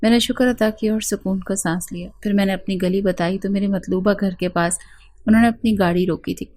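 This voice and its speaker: A woman's voice: medium pitch, steady tone, a little mellow, no room sound. A woman narrating a first-person audiobook in an earnest, plaintive storytelling manner.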